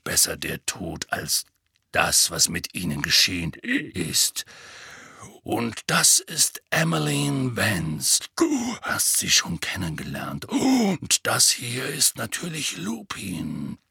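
Man voicing a grizzled old wizard, growling, low, slow, dry close sound. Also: huge pitch swings, creaky, bright, forceful tone, slightly rough, no room sound, full character voice.

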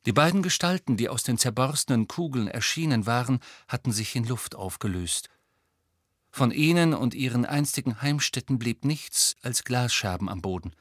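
A man narrating an audiobook in a measured, even storytelling voice. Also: mid-range voice, no echo, studio quality. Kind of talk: scripted narration.

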